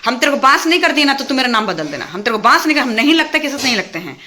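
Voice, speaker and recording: Fast-talking, sharp-voiced woman ranting. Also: high voice, very animated, slight background noise. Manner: talks fast and heated when angry, repeats phrases. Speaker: vlogger addressing her viewers. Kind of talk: angry casual rant to camera.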